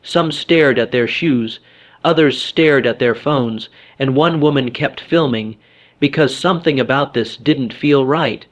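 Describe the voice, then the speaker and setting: A man reading a dramatic story as its narrator, steady and scripted. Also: medium pitch, unhurried, dry recording.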